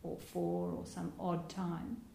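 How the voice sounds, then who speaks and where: A woman giving a Buddhist dharma talk as a meditation teacher, speaking gently and reflectively, with soft laughs and small hesitations. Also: fairly low pitch, monotone, takes it slowly, creaky. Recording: roomy hall with faint background noise.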